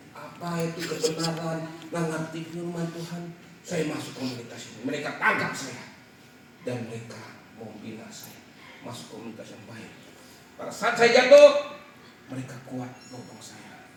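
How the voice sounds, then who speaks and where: A man preaching a lively, animated church sermon to a congregation, illustrating his points with everyday stories. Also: fairly high pitch, a little slow, recorded from a distance, background noise. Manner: animated, rising to shouted calls to the congregation. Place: large church hall with a congregation. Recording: echoey church hall, mic from afar.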